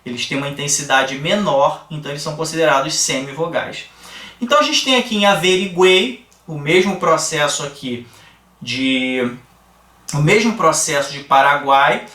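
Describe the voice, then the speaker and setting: A man with a Brazilian Portuguese accent teaching a grammar lesson, explaining slowly and asking the class rhetorical questions. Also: a little high, bright, forceful tone, recorded from a distance. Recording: echoey room, voice a bit off-mic.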